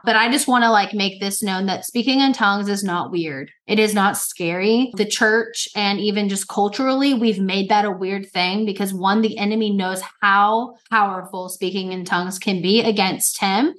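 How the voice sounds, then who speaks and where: Encouraging woman explaining faith topics. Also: mid-range voice. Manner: encouraging, explanatory, uses "like" fillers. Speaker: podcast co-host. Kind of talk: casual faith chat.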